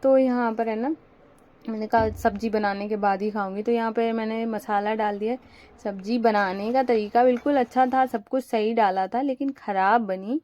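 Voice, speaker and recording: Chatty feverish woman, soft dark voice. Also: a little high, steady tone, moderate pace. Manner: chatty and rambling, frequent fillers. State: feverish and weak. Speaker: home vlogger. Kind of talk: casual voice-over narration of daily chores.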